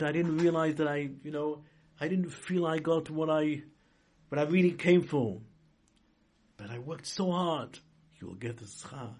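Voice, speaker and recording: A man speaking as a rabbi in an informal sermon, halting and rephrasing as he goes, with emphatic stresses. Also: fairly high pitch, a little mellow. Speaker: rabbi giving a religious talk. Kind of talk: informal sermon, inspirational religious lesson.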